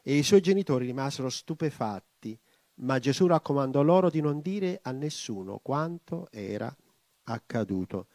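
A man's voice: medium pitch, lively intonation, moderate pace, a little mellow, dry recording. A male pastor reading scripture aloud and commenting on it, then leading a prayer that grows more and more intense. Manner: reads scripture then prays with rising intensity.

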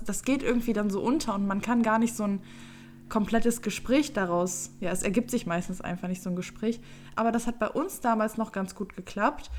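A woman's voice: a little high, a little hiss or hum. Chatty young woman telling a story. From Düsseldorf, Germany. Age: 20s. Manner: chatty, playful. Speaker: podcast co-host. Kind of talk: casual chat, storytelling.

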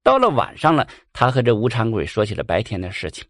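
A male storyteller spinning a folk ghost story in a colloquial, animated way. His pitch rises and falls widely, and the sound is dry and close to the mic. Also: fast talker, no room sound.

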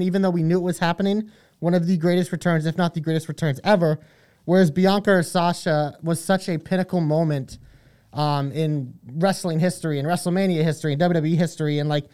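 A man's voice: sits high, dark tone, smooth. A man co-hosting a podcast in a casual style, talking with an emphatic fan's enthusiasm. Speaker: podcast co-host. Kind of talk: casual fan discussion.

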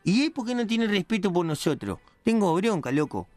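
An actor playing Palito, an indignant, rambling, slang-heavy hothead on a radio comedy show, with a Rioplatense accent. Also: male voice, sits high, very animated, fairly quick, no echo, soft background music. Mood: ranting. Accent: Rioplatense Spanish.

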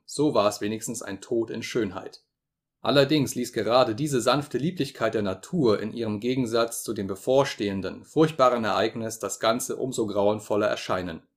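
A man narrating an audiobook in a measured, dramatic reading style. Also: on the low side. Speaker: audiobook reader.

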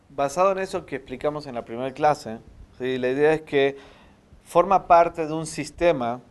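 A man's voice: mid-range voice, darkish tone. A man teaching a spiritual meditation class, explaining step by step and often checking with the students.

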